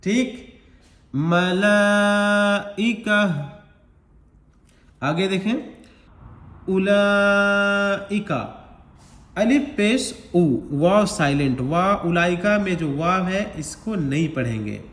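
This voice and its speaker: Very animated yet slow, a man with a high voice leads a step-by-step Quran recitation lesson in a reverberant space. He patiently walks through every rule and elongates the words he recites.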